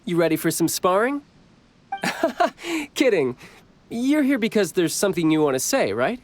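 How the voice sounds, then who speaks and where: With a high-pitched, sing-song voice at a measured pace, a man voices a cocky, friendly young warrior for video game character lines, teasing and confident. The mood is warm and playful, and there's a little hiss or hum.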